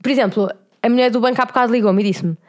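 Quick, high-voiced young Portuguese woman. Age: young adult. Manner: storytelling, slangy, laughs easily, acts out quotes. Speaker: podcast co-host. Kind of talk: casual chat.

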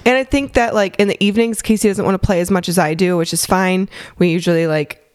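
A young woman chatting on a podcast, her voice sitting a little low for a woman. She sounds slightly stuffy from a cold, rambling easily with fillers and quick laughs. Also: steady tone, clean tone, no room sound, clean studio sound. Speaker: podcast co-host. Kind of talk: casual chat.

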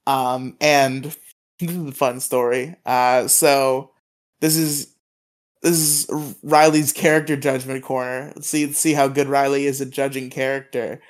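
A male podcast co-host in casual conversation, rambling through his stories. He stammers and restarts his sentences as he goes, at an ordinary middle pitch. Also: flat delivery, measured pace. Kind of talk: casual chat.

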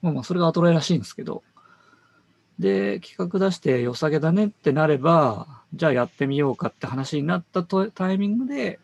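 Gravelly, lively-voiced man chatting casually. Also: on the high side, quick pace. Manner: relaxed, thinks aloud with fillers and self-corrections. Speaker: designer. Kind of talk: casual work conversation.

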